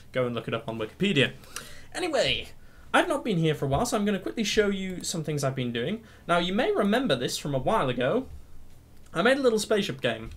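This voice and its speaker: A wired man talks his way through a coding tutorial, his pitch bouncing all over the place. He rambles and pokes fun at himself, buzzing with energy-drink jitters. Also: a bit bright. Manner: hyper and rambling, self-mocking. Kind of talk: rambling screen-recorded tutorial chat.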